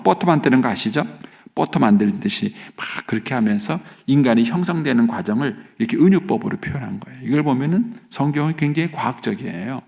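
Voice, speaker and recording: Gravelly, lively Korean pastor preaching. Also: male voice, medium pitch, in a large hall. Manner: lively preaching, voicing Job's complaints to God. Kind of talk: early morning sermon. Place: church.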